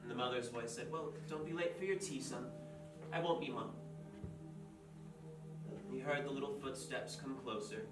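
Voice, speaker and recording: An actor playing a writer who tells a dark fairy tale aloud in a measured, deliberate way, in a stage play. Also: male voice, mid-range voice, natural voice. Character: grim storyteller telling a dark fairy tale. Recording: echoey stage from far off, with music.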